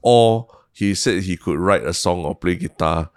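A Singaporean man chatting casually in colloquial Singlish as a podcast co-host, repeating words haltingly as he thinks aloud. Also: sits low, no room sound, clean studio sound. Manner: colloquial Singlish with local particles. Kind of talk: casual chat.

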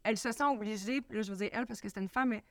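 Québécois woman hosting, lively and expressive. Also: medium pitch, very fast, dry recording, clean studio sound. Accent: Québécois French. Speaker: podcast host. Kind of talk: casual conversation.

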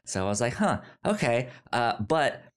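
This movie podcast co-host has a mid-range voice and talks at a normal speed. His casual chat is loose and meandering, full of restarts and bursts of laughter.

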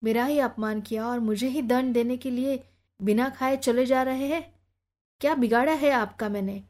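A woman reading the lines of a proud, sensitive wealthy young woman in an audiobook, in sharp but formal speech. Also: on the high side, moderate pace, natural voice. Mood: hurt.

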